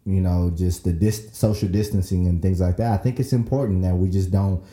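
A man's voice: sits low, steady tone, a little fast, dark tone. A man co-hosting a casual chat and telling a laid-back story. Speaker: co-host. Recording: roomy echo.

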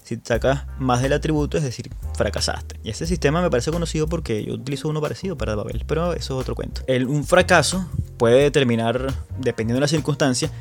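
With hardly any pauses, a man hosting a tabletop gaming podcast speaks at a quick pace in a mid-range voice, his accent Venezuelan Spanish. He is casual and talkative, often restarting and repeating words, and faint music sits behind him.

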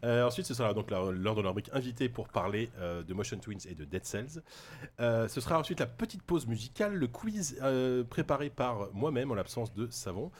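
A man's voice: mid-range voice, lively intonation, brisk. A man hosting a podcast in casual chat, joking and reading listener messages aloud. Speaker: podcast host. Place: studio in Paris.

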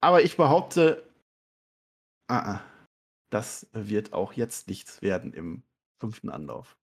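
A man's voice: on the low side, wildly swooping pitch, slow pace, vocal fry, husky. A man co-hosting a wrestling podcast, teasing and sarcastic in casual chat. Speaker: podcast co-host.

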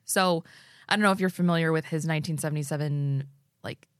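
A woman's voice: sits low, fast, dry recording, clean studio sound. A woman co-hosting a podcast recorded in an attic, telling a story in a casual, informal way. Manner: informal, swearing. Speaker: podcast co-host.

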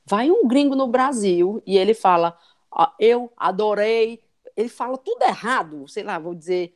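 A woman with a mid-pitched voice, chatting casually on a podcast. She tells stories and argues her point with animation. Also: moderate pace. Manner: animated, argumentative storyteller. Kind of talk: casual chat.

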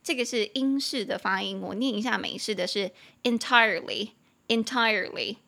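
Bright-voiced woman teaching English. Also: medium pitch, gravelly. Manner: spells words slowly, repeats them, chatty asides. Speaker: English teacher podcast host. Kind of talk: casual English lesson podcast.

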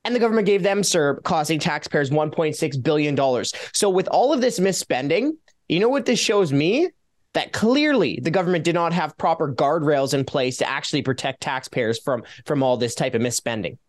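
A Canadian man, a taxpayer advocate guest on a casual radio interview, talking in an animated, sarcastic way as he lists figures. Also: a little high, normal speed.

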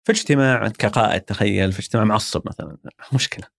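Rapid-fire and lowish, with noticeable vocal fry, this Saudi-accented man is an interview guest who used to work as a marketing executive. He speaks thoughtfully in a reflective, conversational interview, grounding his ideas in everyday examples. There is no room sound.

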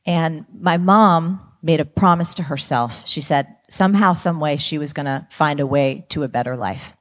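A woman from New Jersey speaks to a room of students. She tells her story in a lively, animated way, her voice sitting a little low for a woman. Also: normal speed. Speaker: motivational speaker.

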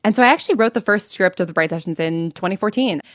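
A young American woman, a podcast creator and actor, tells her own story in an interview, her medium-pitched voice expressive and fast. She's chatty and self-deprecating, laughing as she talks, in a dry, studio-quality recording.

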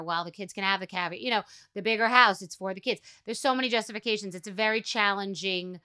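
A woman giving explanatory commentary as a host, putting deliberate stress on key words. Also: medium pitch, sharp tone, smooth. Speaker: podcast host, family law commentator.

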